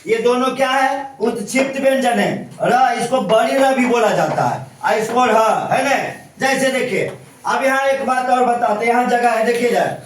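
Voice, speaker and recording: A male teacher with a very high voice leads a classroom grammar lesson. He keeps asking the students questions and checks again and again that they understand. He is picked up from far off in a very echoey room. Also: moderate pace, slight background noise.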